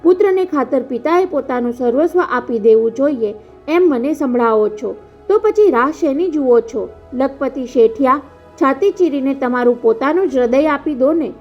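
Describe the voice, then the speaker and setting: A woman's voice: sits high, animated, normal speed, dull audio. Woman reading furious father, cutting scorn, faint music, storybook audiobook. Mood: bitter. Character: grieving father, bitter and furious.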